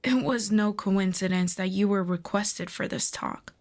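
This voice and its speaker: In a fantasy audio roleplay, a woman voices a proud, earnest demon princess who speaks formally, deliberately, and persuasively. Her pitch is medium and her intonation fairly even, with only light acting.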